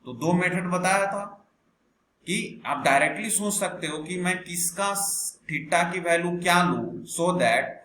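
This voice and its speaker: A high, bright voice with a forceful edge belongs to a man teaching maths online at a measured pace. He explains patiently, calls his students "beta," and asks them questions. The recording has an echoey room and faint background noise.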